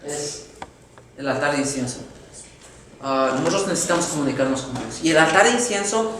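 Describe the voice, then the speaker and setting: A man preaching a sermon, telling a story with dramatic swings between loud exclamations and hushed tones. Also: a little high, lively intonation, a little fast, distant mic. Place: large echoey church hall. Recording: very echoey hall, faint noise.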